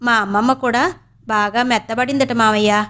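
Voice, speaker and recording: A cheeky young niece and student in an audiobook, as a woman narrator voices her, teasing and grumbling in quick, chatty asides. The voice is fairly high and lively. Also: lightly acted.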